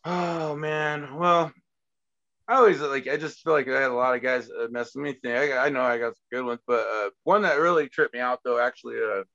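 A former wrestler appearing as a guest tells wild road stories in casual chat, animated, profane, and laughing. His mid-range voice runs a little fast, and the recording is muffled but has no echo.

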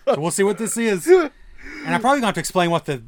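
A man with a thick deep Southern US accent and slightly mumbled diction, bantering casually as a podcast co-host. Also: big pitch swings, racing, a little hiss or hum.

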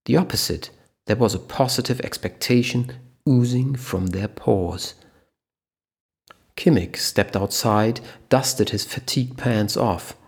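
A man narrating a thriller audiobook in a steady storytelling manner. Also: mid-range voice, slow, creaky, husky.

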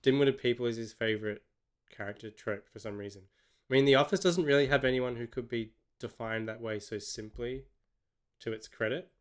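An Australian man reviewing a film in casual chat, his voice smooth and resonant. He talks sardonically and rambles, often restarting his sentences. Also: mid-range voice, a little fast. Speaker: podcast co-host.

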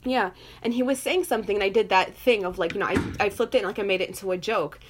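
A woman's voice: medium pitch, quick pace, soft background music. Chatty young woman telling stories. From Moroccan family, grew up in an English-speaking country. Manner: animated storytelling, lots of fillers, laughs often. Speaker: guest. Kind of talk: casual chat.

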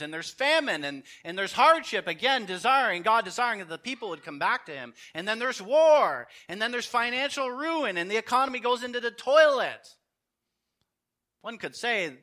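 Male pastor, bright and high, animated sermon storytelling. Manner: animated storytelling preacher, acting out dialogue.

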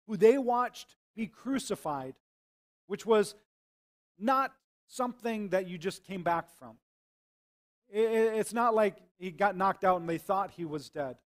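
A man serving as pastor, praying and preaching a sermon in an earnest, conversational way. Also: high-pitched. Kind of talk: sermon with prayer and scripture reading.

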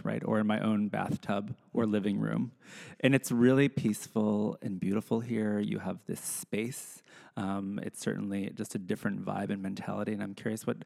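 A man with a lowish voice and heavy vocal fry takes part in an interview. He puts his questions in a casual, conversational way. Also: darkish tone. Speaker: interview participant asking questions.

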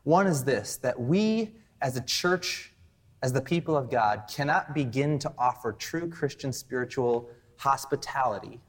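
A man's voice: medium pitch, animated, a little slow. Young male pastor, conversational sermon storyteller, mid-range voice. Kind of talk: sermon with personal stories.

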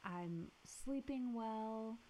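A young adult woman co-hosting a podcast in casual chat, upbeat and quick to laugh. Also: on the high side, warm tone, rough recording. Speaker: podcast co-host. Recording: faint hiss.

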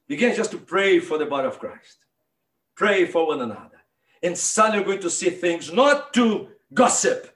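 Brief: Brazilian-accented man, Portuguese native speaker, pastor delivering a sermon, high voice, emphatic, roomy church sound. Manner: emphatic, building to impassioned shouts, direct address to listeners.

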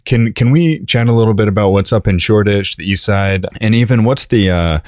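A man's voice: fairly low pitch, brisk, a little mellow, dry recording, studio quality. A man hosting a travel podcast, talking with eager enthusiasm and frequent uhs and ums as he interviews a guest. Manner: enthusiastic, fillers like uh and um. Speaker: podcast host.

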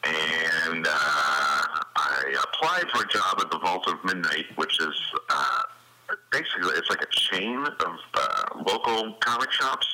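A man with a very low voice chats playfully over the phone. His call comes through a speaker, so it sounds phone-like and thin. A steady buzzing hiss of line interference sits under every word. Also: a little slow. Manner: joking, playful. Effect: phone call played through a speaker, buzzing interference. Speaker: podcast co-host calling in. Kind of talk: casual chat.

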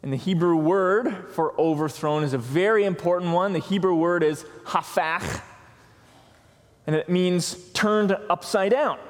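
Slow, deliberate preacher in an echoing hall. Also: male voice, fairly high pitch. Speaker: pastor. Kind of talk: sermon. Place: church sanctuary. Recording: long reverb of a church hall.

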